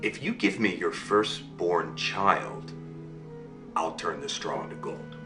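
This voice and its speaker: A man voicing a sly little male imp who bargains for a baby, quiet and insistent. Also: low voice, slow, voice pushed down. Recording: roomy echo, faint music.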